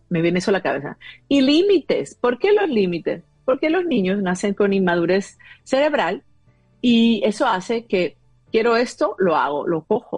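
A woman's voice: medium pitch, slightly rough, no echo. A woman in her fifties talking as a guest about parenting, explaining earnestly with many fillers. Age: 50s. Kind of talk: conversational advice talk.

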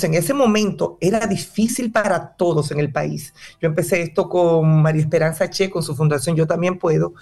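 A woman's voice: lowish voice, a little mellow. A woman theater director and drama teacher answering interview questions in a passionate, explanatory way.

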